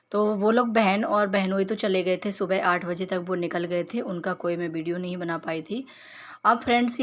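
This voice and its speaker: A woman in her thirties from Uttar Pradesh, narrating her family vlog in a chatty, homely way and walking viewers through each clip. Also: on the low side. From Uttar Pradesh, India. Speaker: family vlogger. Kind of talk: casual vlog voice-over narration.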